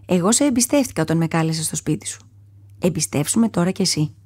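A woman voicing a small, brave young male sewer mouse in a storybook, speaking eagerly and earnestly in a higher voice. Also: animated, husky, no room sound, clean studio sound. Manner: eager, earnest, higher and brighter than her narration. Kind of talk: storybook character voice.

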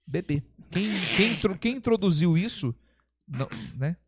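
A man's voice: high-pitched, moderate pace, crowd noise. A man with a Brazilian Portuguese accent, a metal singer as a podcast guest, telling stories animatedly, swearing often and acting out what people said. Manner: animated storyteller who swears and acts out quoted lines. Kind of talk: casual podcast chat.

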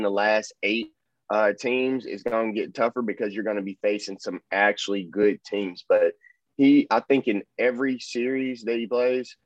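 A man's voice: fairly low pitch, no room sound. A man talking basketball in a casual sports chat, upbeat and full of hype with plenty of fillers. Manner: enthusiastic, hyping, trails off with fillers. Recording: dull, dry lo-fi sound.

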